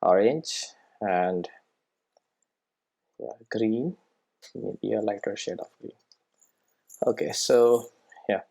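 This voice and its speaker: Going through software step by step, this informal tutorial presenter keeps checking in with the listener. The voice is medium-pitched and gravelly, moving slowly with frequent pauses.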